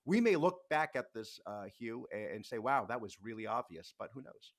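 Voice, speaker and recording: Young man with a rough morning voice. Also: mid-range voice, big pitch swings, normal speed. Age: young adult. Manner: candid, thinking aloud, hedging. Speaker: guest, podcast co-host and editor. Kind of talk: casual political chat.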